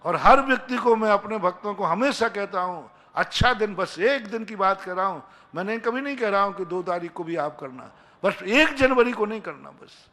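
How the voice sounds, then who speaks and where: Fairly high-voiced monk preaching. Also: male voice, expressive, normal speed, bright, forceful tone. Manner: pleading, repetitive exhortation with dialogue-like anecdotes. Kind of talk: sermon.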